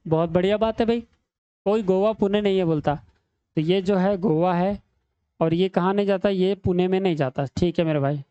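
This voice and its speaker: A high-voiced man with a warm, clean tone teaches an exam-prep reasoning lesson at a screen, chatty and teasing, calling his students beta and bhai (son and brother). There's no echo, but the recording sounds muffled.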